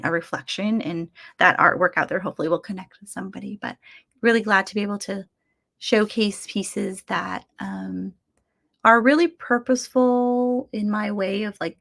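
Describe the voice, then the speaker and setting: Over a video call, a Vietnamese American guest artist from the United States talks reflectively in a casual webinar, often pausing on fillers and starting sentences over. Her medium-pitched voice is gravelly yet fairly bright, and the sound is clean, studio-like, and free of echo.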